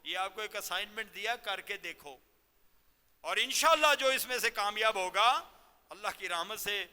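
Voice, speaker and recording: A man giving a Ramadan sermon as a cleric, exhorting and questioning his listeners and slowing down to demonstrate careful recitation. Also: high voice, animated, sharp tone, clear, resonant tone. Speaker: cleric teaching Quran lesson. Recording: long reverb of a large hall.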